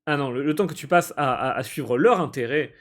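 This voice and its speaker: Halting man translating game text live. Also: mid-range voice, fairly bright tone. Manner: halting and hesitant, stumbling over words while translating; amused, often breaking into laughter. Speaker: streamer. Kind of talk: live let's-play, translating on-screen game text aloud.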